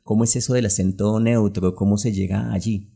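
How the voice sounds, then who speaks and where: A man with a Colombian accent hosting an interview podcast, setting up measured questions to his guest. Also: fairly low pitch, steady tone, gravelly, warm tone, slightly rough. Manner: measured, asks framed questions.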